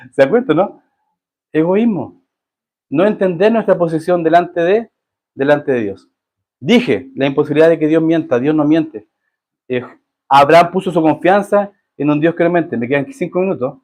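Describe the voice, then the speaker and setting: A man's voice: on the high side, a little mellow. Man preaching, rhetorical questions to the flock. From Chile. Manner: reads scripture verses slowly with rising emphasis. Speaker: pastor. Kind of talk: sermon. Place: church sanctuary.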